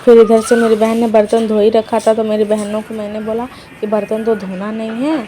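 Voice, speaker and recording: A woman's voice: fairly high pitch, little pitch movement, brisk, background noise. A young woman telling her day in a chatty vlog voice-over, talking to viewers as friends. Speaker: vlogger. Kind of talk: casual vlog voice-over narration. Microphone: voice-over dubbed at home.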